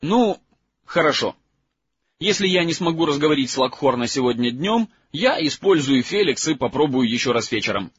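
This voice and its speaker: A man voicing an earnest, quiet teenage boy in an audiobook. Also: fairly high pitch, animated, normal speed, breathy edge, no room sound, pitched above the performer's own voice. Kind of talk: audiobook character reading. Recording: slightly dull, dry recording.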